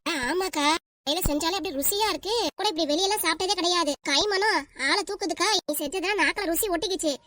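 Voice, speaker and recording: High, quick southern Tamil woman. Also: pushed and bright, no echo, clean studio sound. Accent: southern Tamil Nadu, Kanyakumari-Tirunelveli dialect. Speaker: voice artist for a cartoon. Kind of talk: voicing all characters in a village comedy cartoon.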